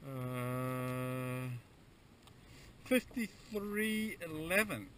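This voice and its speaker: A man kayaking on a windy harbour, talking to himself in a relaxed, matter-of-fact way as he films the trip on an action camera mounted on the kayak. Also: medium pitch, extremely slow. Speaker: kayaker filming his own trip. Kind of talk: casual running commentary. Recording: wind-battered action camera audio from a distance. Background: wind and splashing water.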